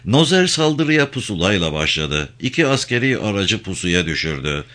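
A man's voice: fairly low pitch, very animated, normal speed, pushed and bright. A man narrating a novel in a dramatic storytelling manner. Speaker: audiobook narrator.

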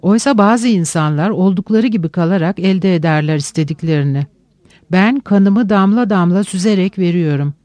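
A man narrating a literary audiobook in a measured, reflective way with slow pauses. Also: high voice, darkish tone, no room sound.

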